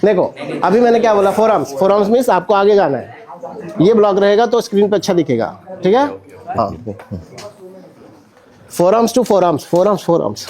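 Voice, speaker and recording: A man's voice: high voice, animated, unhurried, a little mellow. A man teaching a stage-fight drill to an acting class, counting punches and calling out corrections with energy. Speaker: acting instructor. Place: indoor acting studio with a class.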